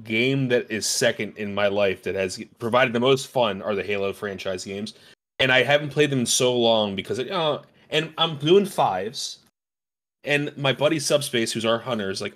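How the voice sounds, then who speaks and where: A man's voice: medium pitch, moderate pace, a bit bright. A man guesting on a gaming podcast, rambling loosely with many fillers. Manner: rambling, full of fillers and restarts. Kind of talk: casual gaming podcast chat.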